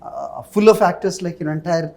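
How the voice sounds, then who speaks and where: Man, Telugu accent, slightly high pitch, very quick, chatty interviewer, bilingual, tag questions. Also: creaky, a little mellow. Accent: Telugu Indian. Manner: chatty, frequent filler phrases and tag questions. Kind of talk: film interview, switching between two languages.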